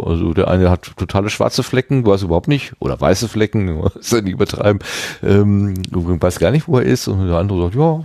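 Man from the Ruhr area, low and lively, rambling casual chat, close and dry. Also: dry recording. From Ruhr area, Germany. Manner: rambling, self-deprecating, with many restarts and laughs. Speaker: conversation partner.

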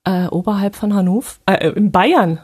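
A woman's voice: medium pitch, moderate pace, a little mellow, breathy edge. A woman from the Allgäu chatting casually in neutral standard German, hesitant and thinking aloud. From Allgäu, Bavaria. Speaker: conversation partner. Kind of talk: casual chat.

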